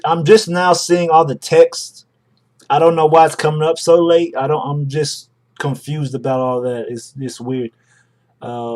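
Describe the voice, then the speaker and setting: A man's voice: on the high side, a little mellow. A young adult man hosting a live stream, talking casually through charts and greeting viewers by name. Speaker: livestream host.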